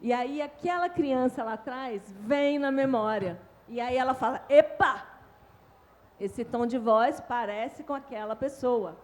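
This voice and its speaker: Brief: Brazilian woman, lively conference panelist, slightly high voice, demonstrative delivery. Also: measured pace, hardly any pauses. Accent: Brazilian Portuguese. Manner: animated, demonstrates tones with her own voice. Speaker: invited speaker on communication. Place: hotel conference stage.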